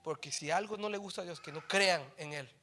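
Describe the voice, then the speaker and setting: A middle-aged man preaching a sermon, mixing in English phrases and swinging from soft asides to loud exhortation. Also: fairly high pitch, fairly quick. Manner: mixes English phrases into Spanish.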